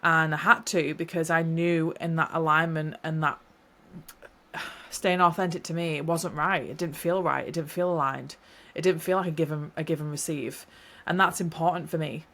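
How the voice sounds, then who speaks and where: Her voice sits low, steady and a touch bright, moving at a moderate pace. She's a young New Zealander hosting a relaxed solo podcast, mildly nasal and stuffed up with hay fever, rambling along in a sincere, heartfelt manner.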